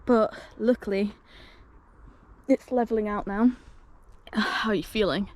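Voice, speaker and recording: A woman's voice: medium pitch, a little slow. A woman from the UK, out of breath, chatting to camera on an outdoor hike with lots of ums. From United Kingdom. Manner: chatty, upbeat, with frequent ums. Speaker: hiking vlogger. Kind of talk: casual vlog to camera. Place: outdoors on a hill path.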